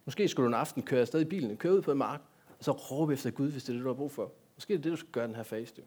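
A man's voice: mid-range voice, a little mellow, breathy edge. A man giving a sermon in a church, talking directly to the congregation and asking them many rhetorical questions. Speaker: pastor.

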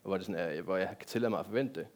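A man giving a sermon in a church, talking directly to the congregation and asking them many rhetorical questions. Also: sits low. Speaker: pastor.

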